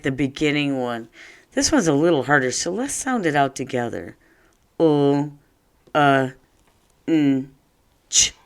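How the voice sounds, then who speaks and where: A man teaching an online first grade phonics lesson, sounding out words slowly and cheering children on. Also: mid-range voice, fairly bright tone, no room sound.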